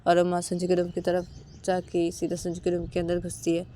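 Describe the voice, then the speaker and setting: A woman's voice: on the low side, monotone, fairly quick, warm tone, slight background noise. A woman narrating a romantic story in a casual, repetitive way, chaining events together with filler links.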